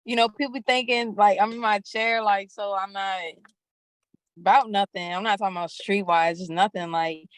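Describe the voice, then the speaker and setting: A young woman speaking as a guest in a casual interview, blunt and candid, with slang and profanity all through her talk. Her voice sits at a middle pitch and is recorded dry, with no room sound. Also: fairly even intonation, moderate pace, no room sound. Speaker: rapper guest.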